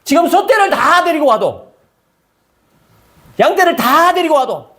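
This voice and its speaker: An exasperated old male leader protests and pleads, as a preacher acts him out in a sermon. The voice pushes high and swings widely through each complaint. The manner is indignant, as if arguing back. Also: very animated, measured pace, fairly bright tone, full character voice.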